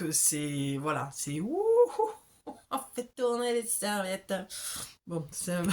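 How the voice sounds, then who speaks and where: A woman with a southern French accent talks the viewer through an oracle card reading. Her voice sits a little low, and her manner is loose, familiar and conversational. She often pauses to check in with the listener. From south of France. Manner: chatty and familiar, with frequent check-ins.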